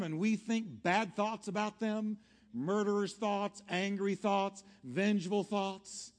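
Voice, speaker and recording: A man's high-pitched, darkish voice leads a sermon with an altar call. As pastor, he exhorts earnestly, repeating short, emphatic phrases to press his points. The recording has long hall reverb with music underneath.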